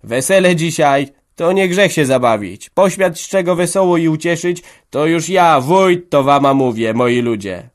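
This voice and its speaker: A man's voice: fairly high pitch, moderate pace, few pauses, voice pushed up, close to an everyday voice. A man voicing an old, drunk church servant who talks in a boisterous, hearty way. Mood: jovial.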